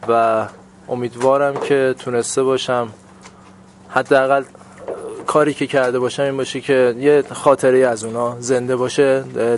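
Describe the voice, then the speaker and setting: A man's voice: medium pitch, slight background noise. A man, a stage actor, speaking earnestly and reflectively about his role. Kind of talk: interview answer.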